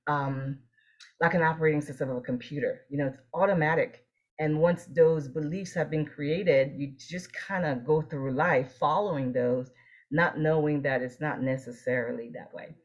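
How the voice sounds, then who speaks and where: Her low-pitched voice has a darkish tone, and the recording cuts off the highs. She's a Haitian optometrist and leadership coach being interviewed, speaking earnestly and assertively in conversation while repeating phrases for emphasis.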